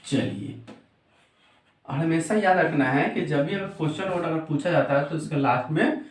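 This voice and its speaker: A man teaching English grammar in a lesson, explaining each step slowly and repeating words. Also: a little high, distant mic. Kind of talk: Hindi-language grammar lesson. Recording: roomy echo, voice off-mic.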